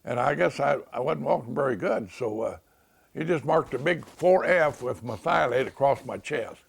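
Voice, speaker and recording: An American man in his nineties, an old war veteran remembering his service, telling anecdotes in a creaky, gravelly voice and acting out remembered dialogue. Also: mid-range voice, animated, moderate pace. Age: 90s. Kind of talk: oral history reminiscence.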